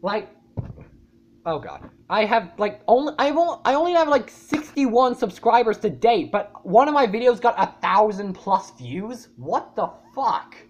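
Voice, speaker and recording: A woman YouTuber giving casual reaction commentary, rambling and swearing often, with loud startled outbursts. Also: on the high side, big pitch swings, a little slow, dull audio. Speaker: YouTuber reacting to a fan animation.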